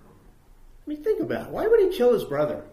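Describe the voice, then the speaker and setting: Questioning Bible teacher in an echoey room. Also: male voice, very high-pitched, wildly swooping pitch, normal speed, mellow. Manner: asks questions of listeners.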